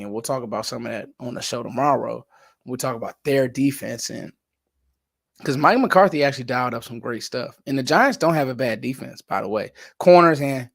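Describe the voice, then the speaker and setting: Gravelly-voiced man breaking down football film. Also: medium pitch, no room sound, studio quality. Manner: animated, drops to a whisper at times. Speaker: sports podcast host. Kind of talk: casual football analysis.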